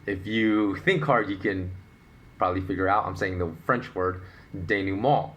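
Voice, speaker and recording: A middle-aged man hosting a solo podcast, explaining his views in an animated, opinionated way with rhetorical questions. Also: low voice, moderate pace. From United States. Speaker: podcast host.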